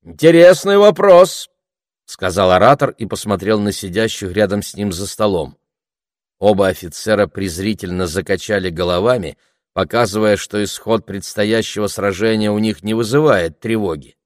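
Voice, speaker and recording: A man's voice: lowish voice, normal speed, no room sound, studio quality. A man narrating a novel as an audiobook, reading expressively. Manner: expressive reading, voices many characters. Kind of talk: scripted narration.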